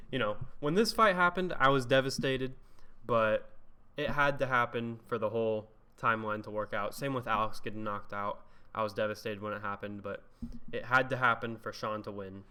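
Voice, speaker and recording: Bright, chatty guy riffing on fights. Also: medium pitch. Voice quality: chatty, swears freely, laughs often. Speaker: MMA commentary YouTuber. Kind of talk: casual commentary monologue.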